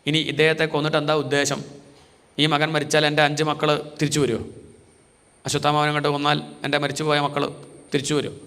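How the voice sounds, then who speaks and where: A man's voice: fairly high pitch, flat delivery, quick pace, pauses often, a bit bright, big-room sound, close to an everyday voice. A man voicing a grieving, merciful queen who pleads for her sons' killer to be spared. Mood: pleading. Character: grieving noble queen, mother of slain sons, merciful.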